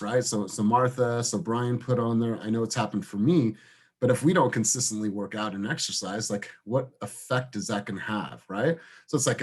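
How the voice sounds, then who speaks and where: Low guy running a team video call, chatty, keeps calling on people. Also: breathy edge. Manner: encouraging, asks people by name. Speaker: team leader. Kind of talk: casual group meeting chat.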